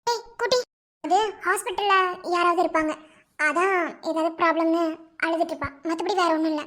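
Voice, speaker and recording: A woman voicing a reassuring aunt in a cartoon, calming a small child. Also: very high-pitched, fairly quick. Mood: soothing. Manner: reassuring, gentle.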